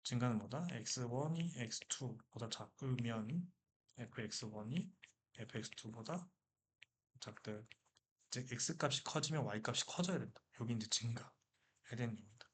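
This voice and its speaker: A man's voice: mid-range voice, a little slow, a little hiss or hum. A man teaching a math lecture who keeps asking questions and answering them himself. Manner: lively, asks and answers his own questions.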